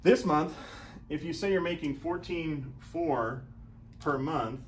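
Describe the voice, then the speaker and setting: A man's voice: a little high, slow, a little hiss or hum. A man in his thirties giving a casual whiteboard business lesson, thinking aloud as he works through sums, on a lapel mic in a small room. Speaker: chiropractic business coach.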